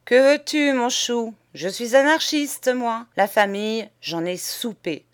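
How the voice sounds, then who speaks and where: A woman's voice: fairly high pitch, slow. A woman voicing a cynical, spoiled young Parisian man with a drawling Paris accent, mocking and gleeful, in an audiobook. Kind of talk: audiobook character voice.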